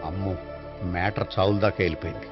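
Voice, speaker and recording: A man's voice: low voice, steady tone, quick pace, highs cut off, music in the background, lightly acted. An actor playing an older grandfather who jokingly plays matchmaker for his grandson. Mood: advising. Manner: jokey, advising. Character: playful old grandfather, meddling matchmaker.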